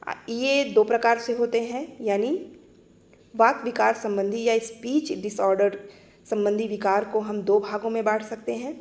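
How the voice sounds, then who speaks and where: A woman teacher explaining exam-prep material in a clear, patient way, restating each point. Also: fairly high pitch, fairly even intonation, measured pace, darkish tone.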